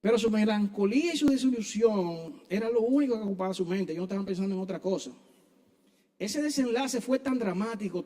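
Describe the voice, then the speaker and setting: A man's voice: high voice, dark tone. A man preaching a sermon in church, earnestly addressing his listeners as brothers.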